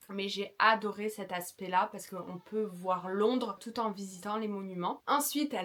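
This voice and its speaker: A woman's voice: medium pitch, fairly bright tone. A young woman vlogger giving frank, chatty travel advice, full of enthusiasm and small fillers. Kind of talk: casual vlog advice.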